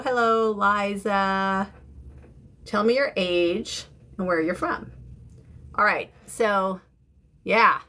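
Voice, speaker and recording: A UK-born woman in her fifties who lives in San Francisco speaks with an American accent while hosting a livestream. She chats casually and informally about beauty to viewers in a medium-pitched, fairly bright voice. There's background noise and room ambience in the clear recording.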